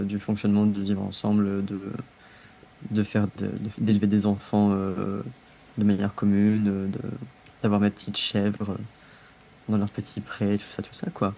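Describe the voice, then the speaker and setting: Low, flat-voiced man musing. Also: gravelly. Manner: hesitant, many fillers, dreamy. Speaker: podcast co-host. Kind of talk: casual podcast chat.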